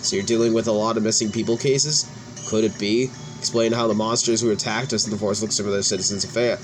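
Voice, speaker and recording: The host of a let's play channel reads game dialogue aloud, adding casual commentary and occasionally tripping over words. His lowish voice holds a steady tone at a quick pace. Music plays behind him, and there is background noise.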